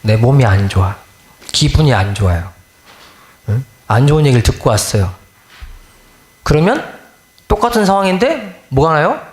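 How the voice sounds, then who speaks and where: A middle-aged man preaching a relaxed, conversational dharma talk. He keeps asking his listeners questions and acts out small everyday complaints. His pitch moves a lot, rising and falling through each phrase. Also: normal speed, long pauses. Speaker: Won-Buddhist minister.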